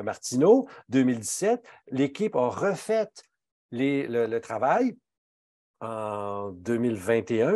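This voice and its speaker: Warm and a little rough, this Quebec man's voice comes with no room sound as he gives a pharmacist's health talk in a Québécois accent. He stresses points indignantly and emphatically, varying his pitch widely.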